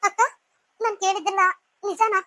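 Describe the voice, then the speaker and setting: A woman's voice: very high-pitched, little pitch movement, a little fast. A woman voicing a devoted, pleading young wife. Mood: distressed. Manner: pleading, earnest. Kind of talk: cartoon serial voice acting.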